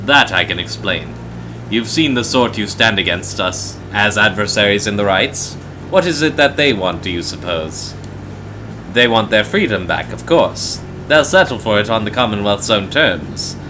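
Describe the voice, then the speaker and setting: Guy reading as a wise game mentor, kinda low, formal and rhetorical, clear background noise. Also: expressive, moderate pace, lightly acted. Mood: measured, persuasive. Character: tall, learned male mentor, measured and persuasive. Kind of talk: reading video game dialogue aloud.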